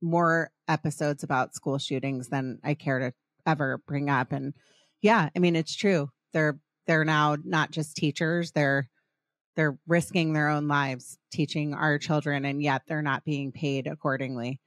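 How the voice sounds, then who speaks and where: A woman's voice: low-pitched, fairly even intonation, a little slow, dry recording, clean studio sound. A middle-aged woman hosting a podcast in casual chat, rambling and passionate, often restarting her sentences. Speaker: podcast host.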